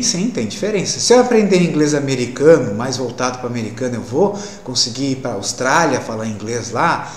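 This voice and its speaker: A man's voice: medium pitch, slight background noise. Male teacher lecturing in an echoey room. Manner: explanatory, frequent tag questions. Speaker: English teacher. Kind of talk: classroom lecture.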